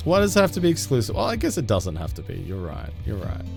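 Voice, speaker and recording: A man's voice: fairly low pitch, huge pitch swings, quick pace, gravelly, darkish tone, soft background music. A chatty man streaming a game live, talking to chat with a self-deprecating manner.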